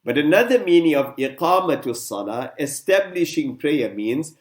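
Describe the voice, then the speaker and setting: A man delivers a religious lecture in a slightly higher register than most men. He speaks in a measured way, restating each key term for emphasis. The room around him is echoey. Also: sing-song. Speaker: Islamic teacher.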